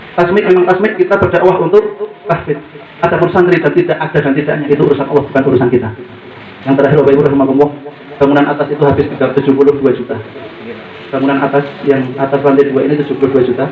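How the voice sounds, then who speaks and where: Man, school leader, podium speech: fast, fervent, repetitive, slightly high voice, roomy hall sound. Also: slight background noise. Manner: fervent, repetitive preaching cadence. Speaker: boarding school leader addressing parents. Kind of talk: speech to a gathering. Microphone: podium microphone. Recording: roomy, slightly dull audio with faint ambience.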